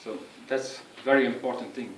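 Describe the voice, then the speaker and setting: An earnest man gives a prepared speech on public speaking, phrasing things in a halting, instructive way. His voice sits at a middling pitch and rings in an echoey room. He is picked up from a distance, with faint background noise. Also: steady tone. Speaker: speech giver. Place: room with an audience.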